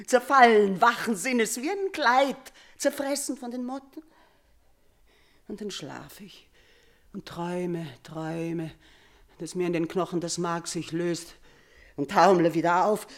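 An actress playing an aging queen and mother haunted by nightmares, in theatrical 1950s radio drama style, swinging from loud cries to hushed near-whispers. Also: a little high, natural voice.

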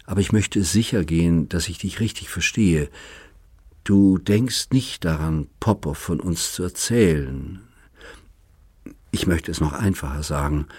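A man reading the part of an earnest adult man who explains his hurt to his lover in a measured, precise manner. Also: low-pitched, a little mellow, breathy edge, dry recording, clean studio sound. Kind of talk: audiobook character reading.

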